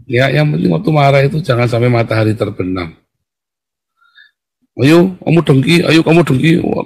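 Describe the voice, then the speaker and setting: A man's voice: mid-range voice, creaky, husky. A man preaching a blunt, emphatic sermon over a video call, speaking directly to his listeners.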